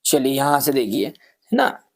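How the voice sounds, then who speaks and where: A man's voice: mid-range voice, sing-song, vocal fry. A man teaching an exam paper, explaining patiently and reading sentences word by word. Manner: patient, explaining slowly with frequent checks; reads English sentences word by word.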